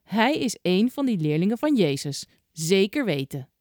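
A woman's voice: medium pitch, big pitch swings, normal speed, darkish tone, dry recording, clean studio sound, natural voice. A woman voicing a suspicious man in a crowd in a storybook tale, pressing his accusation insistently.

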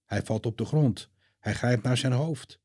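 A man narrating a Bible story for children in a calm, clear storytelling manner. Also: medium pitch, unhurried, no room sound, studio quality.

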